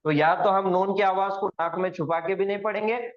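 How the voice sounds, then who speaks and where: A man teaching an online Quranic Arabic recitation lesson, going slowly, repeating words for students to echo back and quizzing them on the rules. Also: high-pitched, steady tone. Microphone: video call. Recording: dull lo-fi online class audio.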